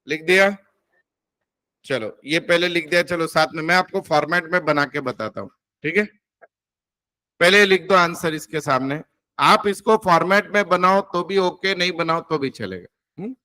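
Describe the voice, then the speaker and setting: Man, accounting tutor, fairly high voice, quizzing students. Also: pushed and bright. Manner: coaxing, addresses students as beta, quizzes them. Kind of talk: classroom teaching.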